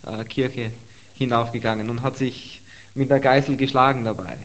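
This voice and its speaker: A man preaching a sermon and reading Bible verses aloud, earnest, stressing and repeating key words. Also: medium pitch. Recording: slightly dull lo-fi recording.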